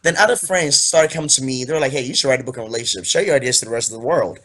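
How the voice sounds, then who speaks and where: A man's voice: medium pitch, rapid-fire, a bit bright. Earnest young man from Ghana. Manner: earnest, rambling with many fillers. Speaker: author guest. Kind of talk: casual interview.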